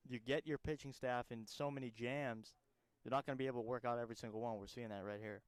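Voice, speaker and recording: A young man from Massachusetts giving relaxed, joking color commentary on a baseball game. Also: medium pitch, quick pace, clear, resonant tone, no echo.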